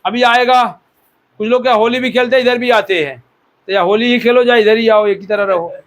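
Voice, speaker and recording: A man's voice: very high-pitched, steady tone, fairly quick, fairly bright tone. A man from India preaching a sermon as pastor, exhorting the listeners and repeating key words for emphasis.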